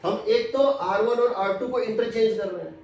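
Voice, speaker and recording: A male physics teacher lectures, repeating each key point so it sticks. His voice sits high. The classroom is strongly echoey. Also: normal speed, a little mellow, muffled recording. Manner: explains step by step, repeats key points, mixes Hindi with English terms. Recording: very echoey room.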